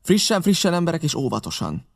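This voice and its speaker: A man's voice: on the high side, huge pitch swings, vocal fry, voice pushed up, heavily acted. A man reading an audiobook, voicing a wary, commanding ship captain who barks curt orders. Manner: barked orders, curt and clipped.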